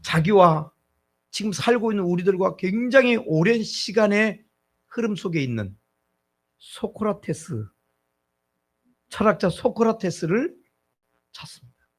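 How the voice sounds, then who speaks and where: A man's voice: sits high, animated, measured pace, pauses often. A middle-aged male pastor preaching a sermon in a conversational way, asking his congregation rhetorical questions.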